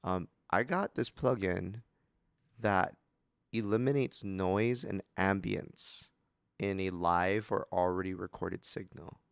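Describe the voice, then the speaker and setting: Deep gravelly man in casual chat. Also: slow, no room sound, clean studio sound. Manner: joking, eager questions. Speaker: music producer, co-host. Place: small home room with fan. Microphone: home studio mic on video call.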